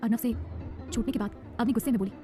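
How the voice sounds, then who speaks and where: A woman narrating a romance audiobook in a rapid, dramatic storytelling style. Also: on the high side, dark tone, faint music behind.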